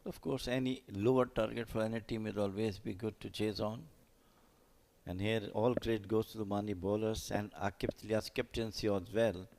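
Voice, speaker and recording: A man's voice: lowish voice, fairly even intonation, moderate pace, creaky, background noise. A man commentating live on cricket, offering loosely phrased, explanatory analysis of play and players.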